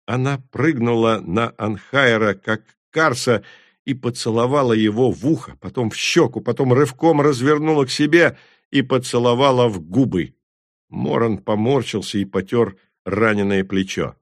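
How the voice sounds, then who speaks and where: A man narrating a fantasy audiobook in an even, measured reading. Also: medium pitch, no room sound, studio quality. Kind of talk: scripted narration.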